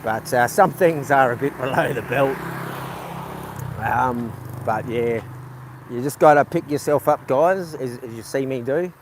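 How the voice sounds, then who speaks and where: A man's voice: mid-range voice, slight background noise. A man from New Zealand chatting casually on a phone live stream outdoors at a night market, rambling and restarting his sentences. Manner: rambling, halting, with many restarts. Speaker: livestreaming vlogger.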